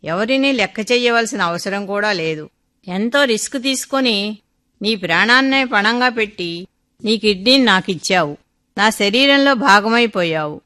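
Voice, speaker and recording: An older man, a devoted old friend, earnest and full of feeling, speaking with a bright, forceful edge as a woman storyteller voices him. His lines are pleading and affectionate, set in a radio story reading. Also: mid-range voice, lively intonation, moderate pace. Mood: joyful.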